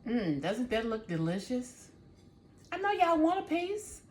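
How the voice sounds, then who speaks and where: A woman's voice: on the high side, very animated, a little slow, darkish tone, a little hiss or hum. A woman hosting a home baking vlog, chatting easily and speaking straight to her viewers from her kitchen. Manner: easygoing, chatty, talks to viewers directly. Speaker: home baking channel host. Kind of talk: casual cooking vlog chat.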